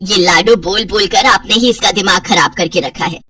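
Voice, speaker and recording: A woman's voice: mid-range voice, normal speed, bright, forceful tone, husky, recorded from a distance. A woman voicing an exasperated middle-aged mother who grumbles and nags in a Hindi cartoon story. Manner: grumbling, complaining.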